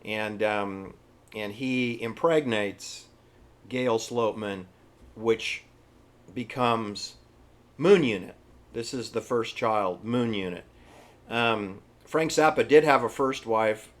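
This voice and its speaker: A man giving informal, opinionated history commentary in an emphatic, halting, repetitive manner. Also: lowish voice. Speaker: presenter. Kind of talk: informal conspiracy-history commentary over pictures.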